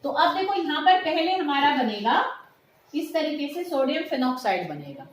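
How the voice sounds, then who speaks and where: A woman's voice: high-pitched, big pitch swings, moderate pace. A middle-aged woman teaching a chemistry class, explaining patiently and mixing in English terms. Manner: explains patiently, mixes English terms, calls students beta. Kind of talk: classroom lecture. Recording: echoey room with faint noise.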